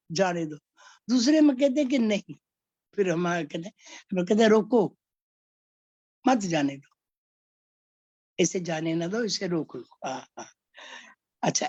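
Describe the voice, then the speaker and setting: Patient woman teacher explaining verse slowly, dull lo-fi recording. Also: mid-range voice, a little mellow, dry recording. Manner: patient, explains with spoken examples. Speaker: poetry teacher. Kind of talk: explaining Hindi poetics.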